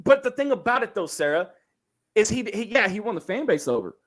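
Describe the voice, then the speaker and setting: A man's voice: high-pitched, very animated, fairly quick, fairly bright tone. A man hosting a casual sports talk show, speaking in an opinionated, emphatic way. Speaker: sports podcast host.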